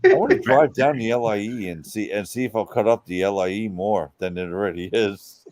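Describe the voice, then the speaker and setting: A man's voice: lowish voice, fairly quick, a little mellow, no echo. A man in casual chat, blunt and given to rambling.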